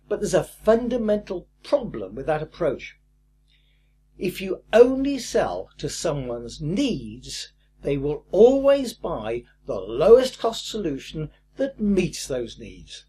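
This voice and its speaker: An older man teaching a recorded course lesson in a lively, emphatic way with a husky voice. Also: on the high side. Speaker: course instructor.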